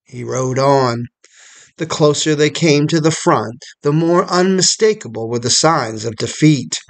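A man reading a scripted history documentary narration in a measured storytelling manner. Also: on the high side.

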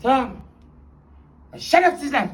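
A woman voicing a whiny, grumbling young man who talks in rough slang, in a comedy sketch. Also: high voice, animated, measured pace.

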